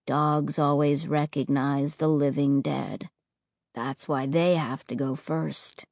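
A woman reading aloud voices a dead boy ghost, speaking in a low, flat, hushed tone. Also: slow pace, creaky, no room sound, studio quality, exaggerated voice. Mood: low menacing.

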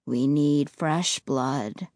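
A woman reading aloud voices a dead boy ghost, speaking in a low, flat, hushed tone. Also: drawn-out words, no echo, clean studio sound, full character voice. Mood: low menacing.

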